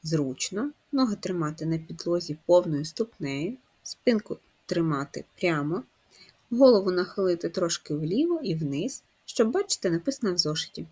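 A woman's voice: lowish voice, sing-song, moderate pace, dark tone, slightly rough. A woman teacher giving a patient, step-by-step first-grade writing lesson, asking the children questions as she goes. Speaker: primary school teacher.

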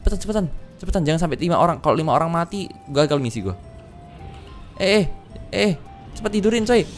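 A man commenting live on a dinosaur park game, excitable and slangy, often shouting in alarm at what happens on screen. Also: on the high side, fast talker, soft background music. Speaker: gaming channel host.

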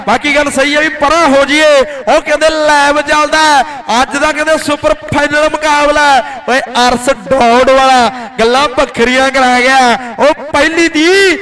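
A man with a Punjabi accent giving frantic, excited rural live sports commentary, repeating phrases over and over as a kabaddi announcer. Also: extremely high pitch, rough recording.

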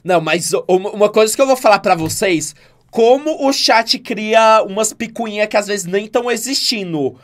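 A man's voice: sits high, moderate pace. Dramatic Brazilian man streaming live. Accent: Brazilian Portuguese. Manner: dramatic, teasing complaints with swearing. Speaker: streamer reacting to clips. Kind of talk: casual live-stream chat.

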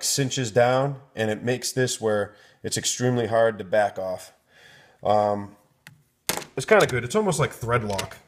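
Man, low voice, casual garage talk, lots of ums and false starts, handheld phone audio. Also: slight background noise. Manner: rambling, lots of ums and restarts. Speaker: garage vlogger showing hardware kits. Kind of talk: casual off-the-cuff product walkthrough. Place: garage workshop indoors. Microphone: handheld phone camera, speaker off-screen.

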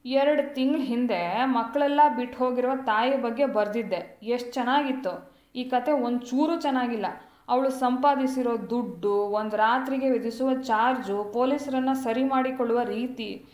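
A woman voicing a prudish female friend who scolds with sharp, scornful exclamations. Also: fairly high pitch, moderate pace, reverberant, lightly acted. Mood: disgusted scolding.

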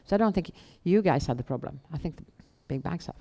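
A middle-aged woman with a Swedish accent, answering questions on stage in a measured, halting way with pauses. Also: sits low, expressive, vocal fry, warm tone, slight background noise. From Sweden. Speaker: guest, bank founder and chief executive. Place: indoor event room on a small stage. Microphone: headset.

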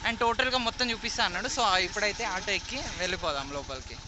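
A man's voice: high-pitched, big pitch swings, rapid-fire, noisy background. A young man, chatting upbeat through a travel vlog and calling out to viewers as friends. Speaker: travel vlogger. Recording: crowd chatter behind.

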